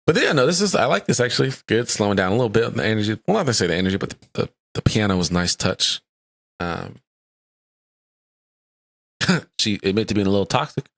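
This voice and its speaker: A man with a Southern US accent, co-hosting a music reaction video, animated and quick to act out little scenes. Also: on the low side, creaky. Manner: animated, laughs often, acts out lines. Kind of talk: casual chat.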